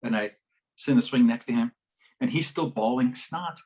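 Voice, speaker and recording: At a conference workshop session, a male presenter tells his story to a live audience at a moderate pace, his voice in a middle pitch. He is animated and expressive, acting out quoted voices with big jumps in pitch and laughing as he talks.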